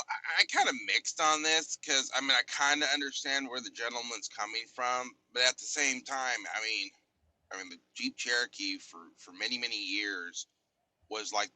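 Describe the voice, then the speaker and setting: A man's voice: mid-range voice, pushed and bright, rough recording. A man co-hosting a podcast, giving his opinion in casual chat and hesitating with many fillers and restarts. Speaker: podcast co-host. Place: in Oklahoma.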